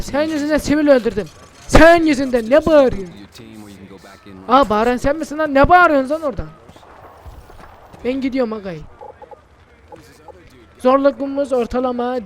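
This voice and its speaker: A male gaming host giving casual gameplay commentary, brash and excitable, swearing and shouting at the characters on screen. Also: extremely high pitch. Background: game music.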